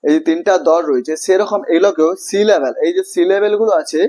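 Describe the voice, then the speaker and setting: A man with a Bengali accent explains English grammar in a classroom style, asking questions and answering them himself. His voice sits high, and he keeps checking that his listeners follow along. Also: quick pace, warm tone. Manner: repetitive, checks understanding often, asks and answers own questions. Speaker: English teacher.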